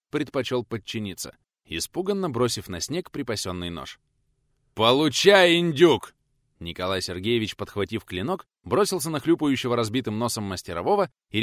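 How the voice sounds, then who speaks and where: A male narrator reads an audiobook with an expressive storytelling manner. His pitch moves in a lively, animated way. The recording is close and dry. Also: dry recording.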